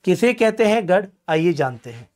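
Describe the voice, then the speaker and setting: A man's voice: high voice, sing-song, moderate pace, darkish tone. A man teaching grammar for an exam, calling his students friends and asking questions he then answers himself, with self-mocking asides. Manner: self-deprecating joking asides. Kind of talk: exam-prep lesson.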